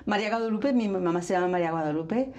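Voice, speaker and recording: A woman's voice: mid-range voice, fast talker, a crowd in the background. An older woman from Mexico with a Mexican Spanish accent, chatting in an interview and dropping in English phrases. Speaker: guest, flamenco dancer. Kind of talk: casual interview chat.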